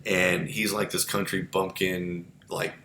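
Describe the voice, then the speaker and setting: A man's voice: level tone, slow, sharp tone. A male psychology instructor giving a chatty, digressive lecture full of asides and fillers. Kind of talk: informal recorded lecture. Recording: echoey room with low rumble.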